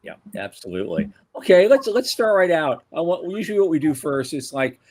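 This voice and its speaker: A man's voice: a little high, big pitch swings, fairly quick, a little mellow, dry recording. A man hosting a podcast, talking in a casual, chatty way with informal asides. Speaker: podcast host. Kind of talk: casual interview chat.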